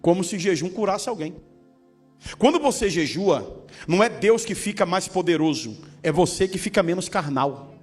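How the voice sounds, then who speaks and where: A man's voice: high-pitched, expressive, normal speed, a little mellow, faint music behind. A male pastor preaching a sermon, joking and calling for responses from the congregation. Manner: humorous, with call-and-response to the congregation.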